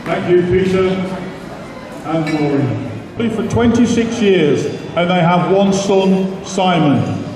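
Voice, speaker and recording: A man's voice: high voice, expressive, slow pace. A man acting as master of ceremonies at a live competition, introducing the contestants to the hall. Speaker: competition announcer. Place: large indoor hall. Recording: echoey hall from far off, crowd behind.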